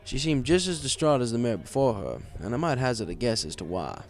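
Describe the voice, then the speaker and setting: Reading scripted first-person fan fiction, a man narrates in a wry, conversational manner. His medium-pitched voice is expressive and brisk.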